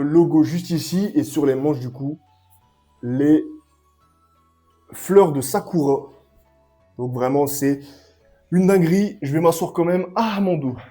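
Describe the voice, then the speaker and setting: Hyped young man reviewing clothes. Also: on the high side. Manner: excitable, slangy, hyped-up. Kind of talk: casual product review vlog. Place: at home, sitting and standing up to show clothes.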